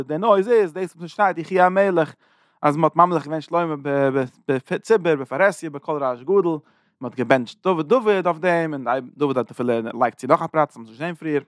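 Fast-talking male scripture teacher. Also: a little high, a bit bright, no room sound, studio quality. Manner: rapid, run-on explaining with many restarts; retells the story in plain everyday terms. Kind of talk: retelling a biblical chapter as a lesson.

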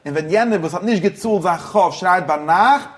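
A man in a lively discussion, talking quickly and repetitively, restarting phrases and mixing Yiddish, German and English words. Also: sits high. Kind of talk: heated casual discussion.

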